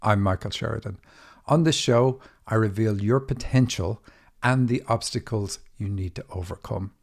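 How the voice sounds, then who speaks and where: A middle-aged Irish man hosts a podcast about dreams and talks through a loose, quick monologue. His voice sits low, with a gravelly, husky edge. He leans on fillers and restarts as he goes. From Ireland. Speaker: podcast host and dream interpreter. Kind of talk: casual monologue.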